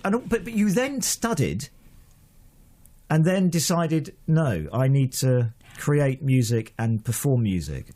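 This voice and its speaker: A man's voice: mid-range voice, big pitch swings, takes it slowly, dark tone. Guy hosting a radio show in the studio, chatty, jokey, pokes fun at himself. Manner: chatty, jokey, self-deprecating. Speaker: radio host. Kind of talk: casual radio interview.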